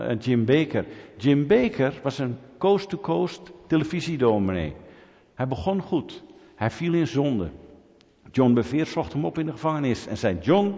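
A middle-aged man preaching a sermon, telling stories with sudden loud peaks. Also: medium pitch. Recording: dull audio with long hall reverb.

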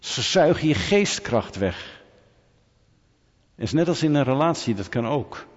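Lively preaching man in an echoey hall. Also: medium pitch, a little slow, lo-fi sound. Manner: lively storytelling preaching with humorous asides to the congregation. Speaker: pastor. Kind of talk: sermon.

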